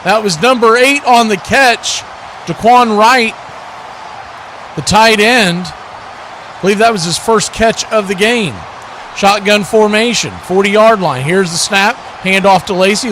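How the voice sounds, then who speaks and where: Live football commentary comes from a man whose voice is distinctly high. His clipped, brief phrases follow each play at a measured pace, over clear and steady background noise.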